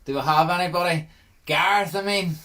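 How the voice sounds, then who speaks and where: A middle-aged Northern Irish man hosting a mountain-bike podcast, ribbing his guest and laughing between lines. His voice is slightly high for a man, and he talks in loose, restarting bursts. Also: fairly quick, bright, forceful tone. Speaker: podcast host. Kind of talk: casual chat.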